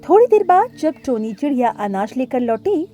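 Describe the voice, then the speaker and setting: A woman narrating a children's cartoon story in a clear, expressive storytelling voice, recorded as a studio voice-over. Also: sits high, normal speed, soft background music.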